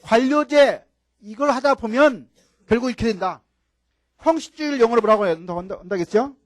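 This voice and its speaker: Older man, professor, classroom lecture, high voice, dry close sound, quizzes the students, repeats key words. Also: fairly quick, dry recording. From Chungcheong, Korea.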